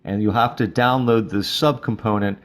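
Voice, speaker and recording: A male instructor giving a relaxed, casual walkthrough of a mobile study app, with frequent fillers. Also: fairly low pitch, moderate pace. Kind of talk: screen-recorded app tutorial.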